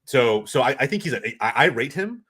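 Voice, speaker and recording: A man talks football at a quick clip in relaxed podcast chat. He has a mid-range voice and thinks aloud in fast bursts. He keeps checking in with "right?" as he builds his point. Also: mid-range voice, crowd noise. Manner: fast, animated analysis with restarts and "right?" tags. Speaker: guest pundit on a football podcast.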